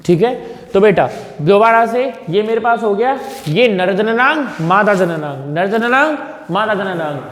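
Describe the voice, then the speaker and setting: High-voiced male tutor drilling terms. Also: lively intonation, a little slow, a bit bright, roomy sound, in a large hall. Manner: repetitive drilling, questions and corrections. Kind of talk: classroom teaching with call-and-response drills.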